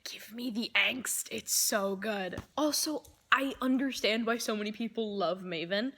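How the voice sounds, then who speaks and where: A woman's voice: mid-range voice, unhurried, bright, forceful tone. A woman chatting casually to camera about her reading, effusive and rambling, with a lot of "like" in her speech. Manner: effusive, rambling, uses "like" often. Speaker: book vlogger.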